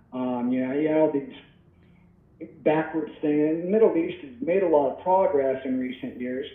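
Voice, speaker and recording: A man in his thirties, a podcast guest in casual talk, rambling and reflective with many restarts, heard over the phone. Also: medium pitch. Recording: tinny, echoey phone line.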